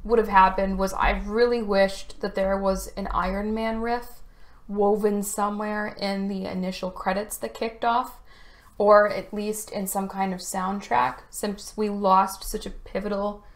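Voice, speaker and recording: A woman chats straight to her camera from a room at home, reviewing a film in a loose, conversational way. Her voice sits at an ordinary middle pitch, and she sounds openly emotional and chatty as she goes. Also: little pitch movement, a little slow. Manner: emotional, chatty, choking up at times. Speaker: video reviewer. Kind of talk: casual chat. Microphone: camera facing speaker.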